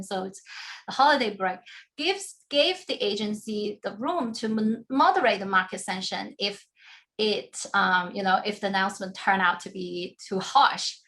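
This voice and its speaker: Woman professor, book talk lecture, measured and explanatory, mid pitch, frequent fillers. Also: a bit bright. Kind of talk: academic lecture with slides.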